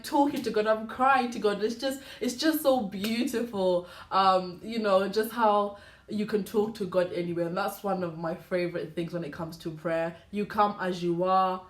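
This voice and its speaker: A chatty woman talks through her own podcast, addressing the listener directly with frequent asides. Her voice sits at an ordinary middle pitch. The room around her rings with noticeable echo. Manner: warm, chatty, animated, full of "you know". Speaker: podcast host. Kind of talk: casual faith podcast monologue.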